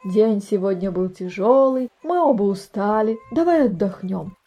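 A woman voices an easygoing storybook dragon who talks in a lazy, soothing way. Her tone is mellow, with faint music under it. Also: mid-range voice, animated, moderate pace. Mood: evasive.

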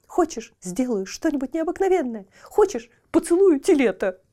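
A woman voicing a devoted, excitable male dog in a children's audio tale, gushing and growling, pitched high. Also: moderate pace. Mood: adoring.

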